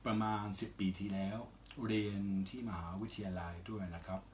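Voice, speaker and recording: Foreigner speaking careful, halting Thai, male. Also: on the low side, fairly even intonation, darkish tone, slight background noise. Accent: foreign (Western) accent in Thai. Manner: careful non-native Thai in short halting phrases with polite particles. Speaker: interview guest, singer. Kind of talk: casual interview answers.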